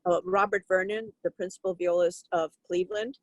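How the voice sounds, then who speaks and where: A woman's voice: on the low side, fairly even intonation, fairly quick, no room sound, poor audio. Older woman, dry close storytelling voice. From Turkey. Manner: reflective, warm storytelling with fillers and restarts. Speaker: interviewee, violinist. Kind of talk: conversational interview.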